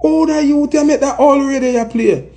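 Guy doing a jamaican parent telling off a kid in patois, voice way up high, dismissive. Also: normal speed, warm tone. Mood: indignant scolding.

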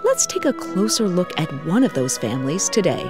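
Female narrator, lowish, lively, instructive, over music. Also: fairly quick. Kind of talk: scripted narration.

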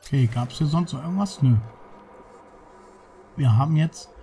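Ein Mann kommentiert als Let's Player locker und beiläufig sein Spiel, mit stockenden Einwürfen. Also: male voice, fairly high pitch, lively intonation, gravelly, mellow, a little hiss or hum. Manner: offhand, halting asides. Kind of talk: casual gameplay commentary.

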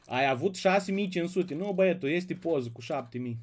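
A man's voice: a little high, animated. A man from Romania hosting a casual live stream, greeting viewers by name and bantering with the chat. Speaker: slots streamer.

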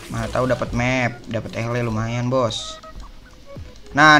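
Young guy, casual gaming commentary, slangy and chummy, mid-pitched, faint game music under him. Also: fairly bright tone. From Indonesia. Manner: slangy, chummy, addresses viewers as bos and coy. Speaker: gaming YouTuber. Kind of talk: casual gameplay tips commentary.

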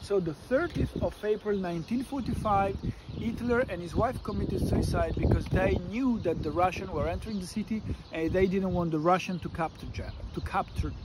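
A man's voice: high voice, normal speed. A middle-aged man explaining things to a child in simple, repeated phrases, as an informal guide. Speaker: father and guide. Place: outdoors on a city street. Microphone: phone camera a step or two away. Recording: outdoor phone recording, clear ambient noise.

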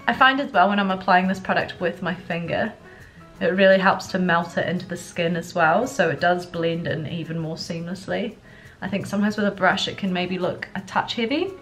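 A woman's voice: fairly low pitch, a little fast, fairly bright tone. A young adult woman feeling sick with a congested cold, chatting casually and a little subdued through a makeup tutorial as a beauty vlogger. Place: furnished living room at home, indoors. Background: background music.

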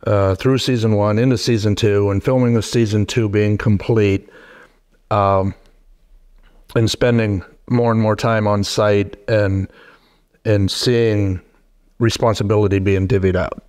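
A middle-aged man hosting a casual podcast interview, talking haltingly with many fillers and restarts into a desk mic in a wood-paneled studio. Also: fairly low pitch, steady tone, darkish tone, clean tone. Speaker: podcast host. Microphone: boom mic on desk stand.

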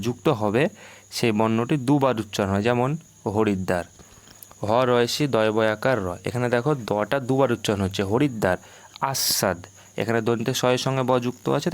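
Male teacher, clear resonant voice, repeats sample words slowly for a lesson video. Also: medium pitch, no room sound. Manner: explains slowly, repeating words to model their sounds.

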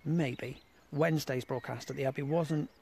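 An English man hosting a live outdoor exploring broadcast at an abandoned rail site rambles casually, with restarts and repeated fillers throughout his monologue. His husky, darkish medium-pitched voice has vocal fry and fairly even intonation at a moderate pace, in a rough recording.

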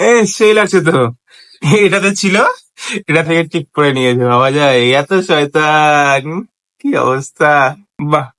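A man with a Bengali accent, vlogging in casual chat with a sore, scratchy throat. He talks quickly and teasingly to the camera. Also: fairly high pitch, fairly bright tone, clean tone, no echo.

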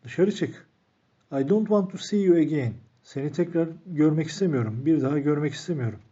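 Guy teaching english phrases, super dark mellow voice, kinda dull lo-fi sound. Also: a little high, fairly quick. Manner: reads English phrases in a raised voice, then explains them calmly; addresses the viewers as "friends". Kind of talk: recorded language lesson. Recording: dull lo-fi recording.

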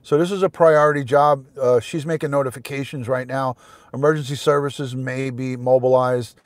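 A man in his fifties with a mid-pitched voice talks casually as a livestream host. He repeats phrases for emphasis as he comments from inside a car. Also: steady tone, normal speed, no room sound. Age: 50s. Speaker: host, retired police detective.

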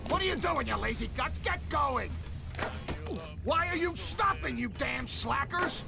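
An actor playing a gruff, bullying school gym coach in a video game, barking commands and insults. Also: male voice, extremely high pitch, expressive, a little slow, over loud music, heavily acted. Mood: angry, barking. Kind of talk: video game character acting.

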